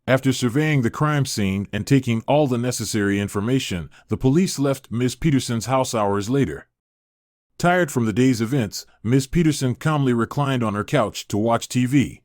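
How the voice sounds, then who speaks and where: A man reading a story aloud as scripted narration, in an even, measured way. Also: medium pitch, dry recording, studio quality.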